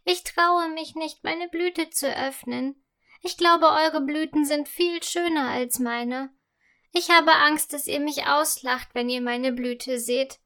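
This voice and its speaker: A woman's voice: sits high, steady tone, slow, bright, forceful tone, voice pushed up, heavily acted. A woman voicing a shy, sad female lily flower in a children's audio story, timid and stammering. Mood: fearful.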